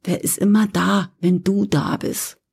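A woman voicing a gruff young male innkeeper who scolds and mocks. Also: sits high, little pitch movement, measured pace, a little mellow, exaggerated voice. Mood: teasing. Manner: scolding, mocking.

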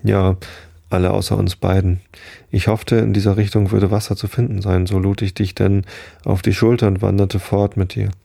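A man voicing a gentle, weary, parched wanderer near death in a read-aloud story. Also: on the low side, flat delivery, moderate pace, gravelly, no room sound, clean studio sound. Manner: gentle, tired, soothing.

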